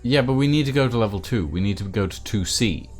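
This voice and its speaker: A man's voice: fairly low pitch, animated, fast, soft background music. A man co-hosting a game stream in casual banter, with playful, theatrical asides. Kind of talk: casual gaming banter and commentary.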